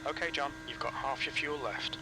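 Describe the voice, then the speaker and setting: Male spotter, mid pitch, short clipped radio calls, heavy engine noise. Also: moderate pace. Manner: terse, clipped. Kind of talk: clipped racing radio callouts. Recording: clipped radio under loud engine roar.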